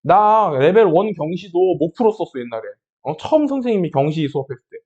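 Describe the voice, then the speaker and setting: Man, math teacher, high lively voice, heated and encouraging, dull lo-fi sound. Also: fast. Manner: heated, scolding yet encouraging, rhetorical questions. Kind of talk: impassioned classroom pep talk.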